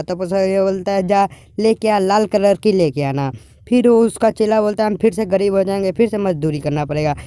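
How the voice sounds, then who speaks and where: High-voiced man retelling a film plot. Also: dark tone, clean tone, dry recording. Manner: retells dialogue as quick plain quotes in colloquial speech. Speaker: movie recap YouTuber.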